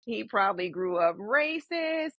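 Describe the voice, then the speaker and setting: A woman in a conversational family interview, speaking emphatically and repeating phrases, on low-bitrate audio. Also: very animated, measured pace, highs cut off. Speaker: interviewer, daughter questioning her father.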